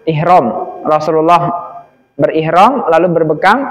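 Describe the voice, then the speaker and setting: A man's voice: high voice, in a large hall, rough recording. A male preacher giving a sermon, explaining points step by step and reciting Arabic hadith. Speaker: Islamic preacher.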